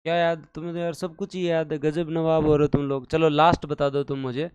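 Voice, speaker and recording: This man, an Indian teacher, gives a live online lecture for exam prep, firing repeated questions at viewers and chanting figures to drill them in. His voice is on the high side, dark-tinged yet clear and resonant, fairly quick and flat, though the recording is muffled.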